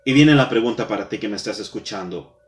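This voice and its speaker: A man preaching a sermon as pastor, speaking straight to the congregation, slowing down and pausing for emphasis. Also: on the low side, animated. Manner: dramatic pauses, slows for emphasis, addresses the congregation directly. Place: church. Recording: echoey room with soft music behind.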